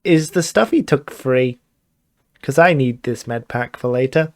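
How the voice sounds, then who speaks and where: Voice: medium pitch, a little slow, no echo, close to an everyday voice. A player voicing a small, ragged male goblin sorcerer who asks politely and hesitantly. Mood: hopeful.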